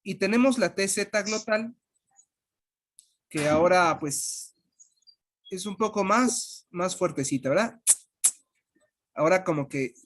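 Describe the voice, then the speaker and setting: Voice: medium pitch, lively intonation, slow pace, pauses often. A language teacher giving an online lesson, patiently repeating and spelling out sounds.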